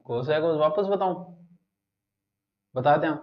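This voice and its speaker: A man's voice: on the high side, measured pace. A man with a Rajasthani accent teaching an exam-prep lesson, quizzing his students and moving between Hindi and local dialect. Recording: dull lo-fi recording.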